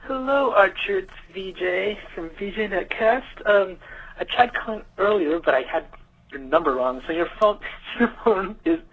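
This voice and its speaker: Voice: medium pitch, normal speed, a bit bright, breathy edge. Caller on a tinny phone voicemail. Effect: played-back phone voicemail. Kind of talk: casual congratulatory voicemail.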